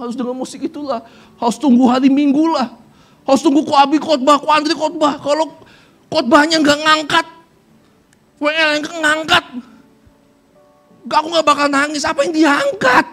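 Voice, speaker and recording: A man preaching a sermon as pastor, impassioned, often shouting and pressing questions, then dropping into soft, slow sung worship. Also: extremely high pitch.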